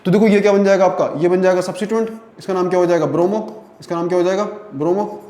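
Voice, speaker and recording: A man's voice: high voice, steady tone, rapid-fire, warm tone, roomy sound. A man teaching a chemistry lesson in Hindi, explaining step by step and often checking whether students follow. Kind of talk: online lecture.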